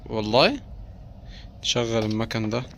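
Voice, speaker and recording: A young man with an Egyptian accent joking and swearing through a horror game, shouting when scared. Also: mid-range voice, animated, moderate pace, very noisy. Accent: Egyptian Arabic. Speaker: gaming YouTuber. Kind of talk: let's play commentary. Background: loud game music.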